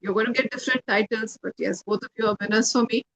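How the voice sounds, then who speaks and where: A woman's voice: a little high, vocal fry, a bit bright. Encouraging woman judge, noisy background. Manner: encouraging, measured, emphatic. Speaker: contest judge. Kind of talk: spoken feedback and award announcement.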